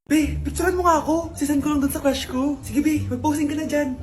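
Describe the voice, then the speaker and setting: A woman acting out comedic skits, exaggerated and bickering, quick to outrage. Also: sits high, steady tone. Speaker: comedy skit creator. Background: loud background music.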